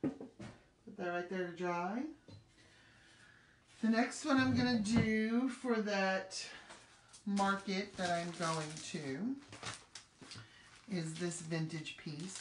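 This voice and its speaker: A middle-aged woman hosting a live craft demonstration, chatty and upbeat, talking as she works. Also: on the low side. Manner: chatty, upbeat, talks while working. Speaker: craft demo host. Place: craft room with table. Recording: echoey room with clear background noise.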